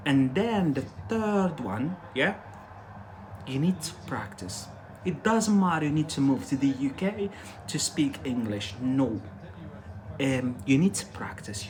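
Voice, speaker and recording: An Algerian man whose mother tongue is Algerian Arabic leads a casual English lesson live, speaking unhurriedly in a medium-pitched, slightly mellow voice with big pitch swings. There is slight background noise. He is emphatic, repeats a lot, and checks in with "yeah?" and "that's it".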